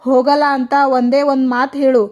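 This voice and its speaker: A woman's voice: high voice, level tone, fairly quick, a little mellow, lightly acted. A woman voicing a loving middle-aged mother-in-law who hides her sadness, coaxing and affectionate. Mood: tender.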